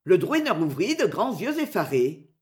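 Expressive audiobook narrator. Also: mid-range voice, normal speed. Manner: expressive storytelling. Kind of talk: scripted narration of a classic adventure novel.

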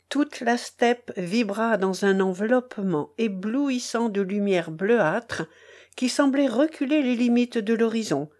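A woman reading a novel aloud as narrator, measured and dramatic. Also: medium pitch, a little mellow.

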